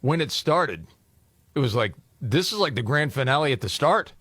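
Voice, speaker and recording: A man's voice: mid-range voice, normal speed, no echo. A man hosting a radio talk show, chatting casually and telling stories with animation. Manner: animated storyteller. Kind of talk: casual studio banter.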